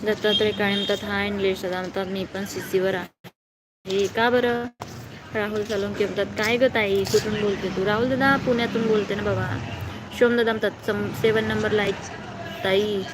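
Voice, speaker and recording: Young woman reading viewer comments on a phone live stream outdoors; clear traffic and street noise. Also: medium pitch, steady tone, normal speed. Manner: reads comments aloud and answers viewers. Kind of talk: casual live-stream chat. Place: outdoors below a housing block at night.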